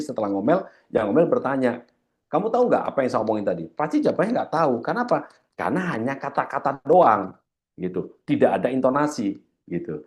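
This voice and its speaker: A male corporate trainer leading a seminar lecture, with a lively voice that swings up and down in pitch. He often turns to address his audience and goes over key points again. His voice sounds slightly heavy from a cough.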